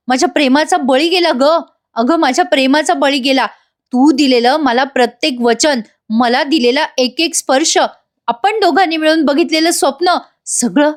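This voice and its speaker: A woman puts on a betrayed young man, pleading and demanding answers in a high voice. He is heartbroken and keeps pressing the woman he loved. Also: natural voice.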